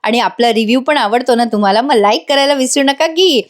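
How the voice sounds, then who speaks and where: A woman's voice: on the high side, a little fast. Chatty woman recapping a TV serial. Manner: chatty, addresses viewers directly, acts out the characters' lines. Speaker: TV serial reviewer. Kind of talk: voice-over episode recap with acted dialogue.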